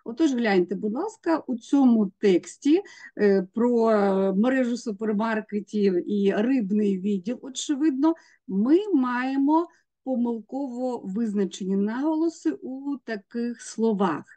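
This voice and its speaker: A woman's voice: on the high side, a little slow, dark tone. A woman teacher, walking students through exam tasks step by step and sounding out letters. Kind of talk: exam prep lesson.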